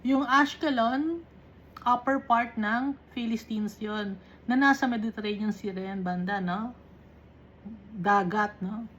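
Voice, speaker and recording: High-voiced woman teaching the Bible. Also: a bit bright, dull audio, slight background noise. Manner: reads verses slowly then explains them; often adds tag questions.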